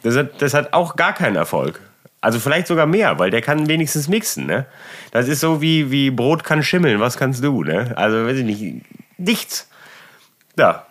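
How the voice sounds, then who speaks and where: A man telling a work story in casual chat, animated and exasperated, with many restarts and tag questions. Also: medium pitch, normal speed.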